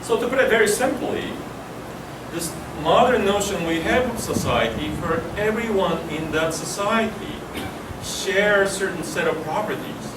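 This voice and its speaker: Guy giving a lecture, bit high voice, far from the mic, aircon humming. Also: lively intonation. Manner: measured, emphatic lecturing with lists. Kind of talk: university lecture. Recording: echoey room, distant mic, air conditioning hum.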